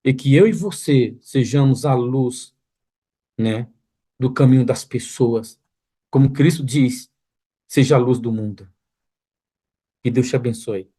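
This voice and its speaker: A man's voice: medium pitch, measured pace, long pauses, dark tone, husky. A man preaching as a pastor, telling a story with earnest feeling that rises to pleading intensity. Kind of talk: sermon testimony. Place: online church broadcast room.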